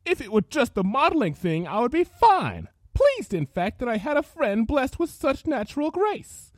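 A woman voices a cruel, vain female unicorn pony, pitching her voice above her natural one and adopting an affected posh drawl. The delivery is high, very animated, cold and haughty, at normal speed, recorded in studio quality with no echo.

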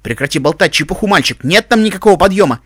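A man's voice: high-pitched, animated, fast, breathy edge, no echo, studio quality. A man voicing a bossy, know-it-all male computer companion who lectures and insists. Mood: insistent.

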